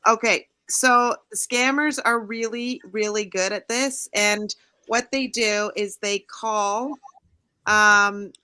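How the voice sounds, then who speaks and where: Bright-voiced chatty woman co-host. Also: mid-range voice, slow, clear, resonant tone. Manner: chatty, animated storytelling. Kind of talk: casual podcast chat.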